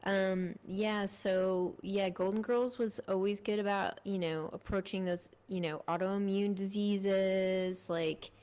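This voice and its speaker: A woman co-hosting a podcast in casual chat, full of quick asides. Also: mid-range voice, fairly even intonation, darkish tone, smooth. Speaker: podcast co-host.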